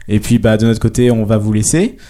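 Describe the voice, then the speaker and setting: A man hosting a casual podcast about TV series, quick to chime in. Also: on the low side, mellow. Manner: quick, chiming in. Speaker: podcast host.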